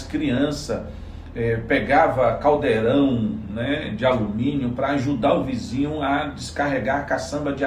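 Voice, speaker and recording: A man's voice: mid-range voice, distant mic, slight background noise. Earnest man, echoey room. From Salvador, Bahia, Brazil. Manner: earnest, explanatory, many restarts. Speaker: psychologist and political candidate. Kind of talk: interview answers.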